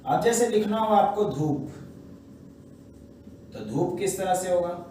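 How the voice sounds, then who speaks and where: Man teaching shorthand real slow and patient, bit high voice, room echoes a lot. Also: lively intonation, dark tone, recorded from a distance, slight background noise. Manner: patient, step-by-step, asks and answers own questions. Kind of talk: slow classroom explanation.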